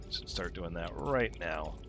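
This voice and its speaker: A man's voice: sits low, animated, normal speed, a bit bright, faint music behind. A man giving casual gameplay commentary, thinking aloud, counting pieces and joking with himself as he builds.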